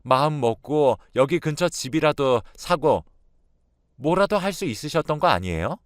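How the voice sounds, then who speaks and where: A man's voice: a little high, animated, normal speed, dry recording, clean studio sound, voice pushed up, close to an everyday voice. A man voicing a middle-aged daughter-in-law who angrily confronts her mother-in-law, talking in a raised, pleading voice in a radio drama. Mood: indignant.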